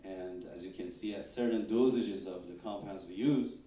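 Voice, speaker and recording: A man with a low voice, speaking at a normal speed, is a doctor presenting research at a fundraising event. He recounts patient stories in an animated way, acting out quotes with stammers. It's recorded in an echoey event hall from a distant mic.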